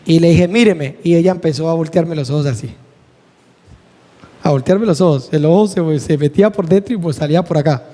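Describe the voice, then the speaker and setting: In a hall full of long, echoing reverb, a middle-aged man earnestly leads a church class and brings the dialogue of his own stories to life. He speaks fairly quickly in a slightly high, warm voice.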